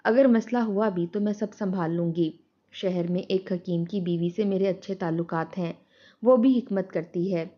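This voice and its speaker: A woman's voice: medium pitch, highs cut off, natural voice. A woman voicing a bossy, scheming village aunt who lectures insistently.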